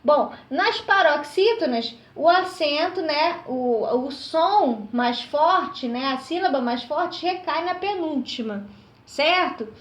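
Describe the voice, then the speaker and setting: A woman's voice: sits high, lively intonation, slow. A woman teaching a recorded lesson. She explains step by step and keeps checking in with her students. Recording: echoey room.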